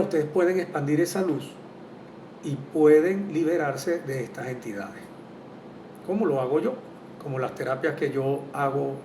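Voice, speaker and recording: A man speaking as a spiritual therapist in a casual monologue, earnest and reflective, often pausing on "eh". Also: darkish tone. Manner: earnest and reflective, with frequent "eh" hesitations. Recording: roomy echo from a distant mic, faint rumble.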